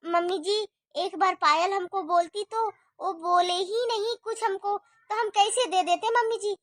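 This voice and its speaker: A woman's voice: very high voice, fairly even intonation, unhurried, no room sound, clean studio sound. A woman voicing a tired young wife and mother who pleads and defends herself in a cartoon story. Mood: grumbling. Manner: pleading, defensive, soft complaining. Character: weary put-upon young wife with children.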